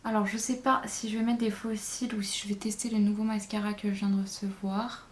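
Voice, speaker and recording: A woman's voice: medium pitch, level tone, a little fast, over music. A woman vlogger chatting casually through a makeup tutorial, hesitant and thinking aloud as she goes. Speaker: beauty vlogger.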